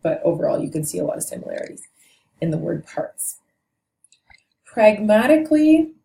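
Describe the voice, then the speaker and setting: This woman teaches linguistics with a low-sitting, dark voice full of vocal fry. She explains things in a patient, measured way, stopping occasionally to correct herself, and the room around her is echoey with a little background noise.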